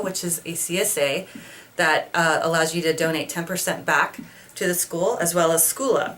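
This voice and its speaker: A woman coordinating school fundraising, giving a brisk informational announcement. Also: on the low side, a bit bright, a little hiss or hum. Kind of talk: scripted announcement.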